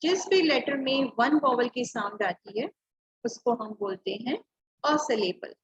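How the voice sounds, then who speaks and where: Slow, patient woman teacher. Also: fairly high pitch, animated, breathy edge, lo-fi sound. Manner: patient, spells words letter by letter, mixes Hindi and English. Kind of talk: online class teaching. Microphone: computer or phone mic on a video call.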